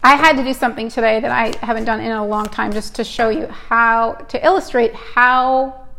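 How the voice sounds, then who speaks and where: Gravelly-voiced woman reading cards live. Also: a little high, fairly even intonation, moderate pace, fairly bright tone. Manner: chatty, rambling, hyper and self-interrupting. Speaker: tarot card reader hosting a live stream. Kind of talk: casual live-stream card reading.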